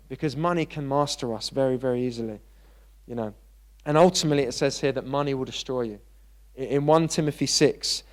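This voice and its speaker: Guy preaching at church, casual chatty sermon, gets lively telling a story. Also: medium pitch. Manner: conversational preaching, animated when telling stories. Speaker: pastor.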